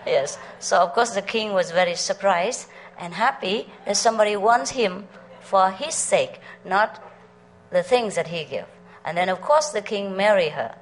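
A middle-aged Vietnamese spiritual teacher tells stories to a meditation group in a chatty way, laughing often and asking her listeners questions. Her voice is mid-range and unhurried, with slight background noise on a poor recording.

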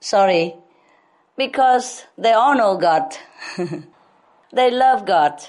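Slow-spoken woman spiritual teacher. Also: mid-range voice, animated, a little mellow. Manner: slow, repetitive, laughs often. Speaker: spiritual teacher answering questions. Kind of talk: slow spiritual talk at a public Q&A.

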